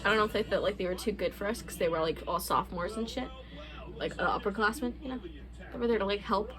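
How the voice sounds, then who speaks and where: A woman's voice: mid-range voice, quick pace, a crowd in the background. A young adult woman hosting a casual couple's Q&A vlog, chatting candidly with loose, profane phrasing. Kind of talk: casual chat.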